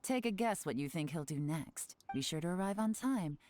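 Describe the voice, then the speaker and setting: Actress as a composed game spy, low-pitched, controlled, always one step ahead. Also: female voice, lightly acted. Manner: calm, measured, in control. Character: cool, secretive woman intelligence agent. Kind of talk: video game voice acting.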